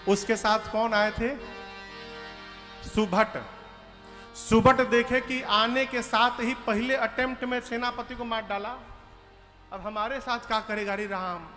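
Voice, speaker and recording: A man's voice: extremely high pitch, fairly even intonation, slow, long pauses, bright, forceful tone. A man telling a devotional epic story in a dramatic way, acting out the characters. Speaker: religious storyteller. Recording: reverberant hall with faint music.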